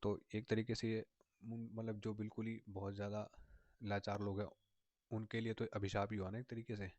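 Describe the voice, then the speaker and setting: A male vocabulary teacher explains memory tricks step by step, repeating himself and checking in with his students. His voice sits low and stays fairly level, and it is recorded close up in a dry room with no echo. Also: little pitch movement, moderate pace, a little mellow. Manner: patient, repetitive, often checks in with "theek hai na".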